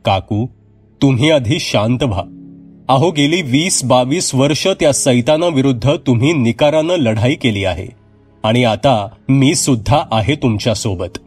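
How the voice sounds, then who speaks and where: A man's voice: medium pitch, animated, a little slow, darkish tone, slightly rough, faint music behind. A man voicing a frightened, earnest young woman who pleads and raises her voice in distress. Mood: resolute.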